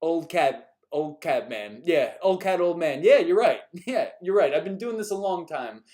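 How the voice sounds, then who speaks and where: Answering viewers on a live stream, this New Yorker rambles and chuckles, sounding a bit exasperated whenever a question comes up again. His voice is on the high side and darkish, with lively intonation at a normal speed.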